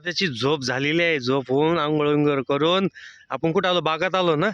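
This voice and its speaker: Brief: male family vlogger, playful and teasing, fairly high voice, dull lo-fi phone audio. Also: brisk, fairly bright tone. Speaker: vlogger filming his small child. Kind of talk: casual family vlog, talking to camera and toddler.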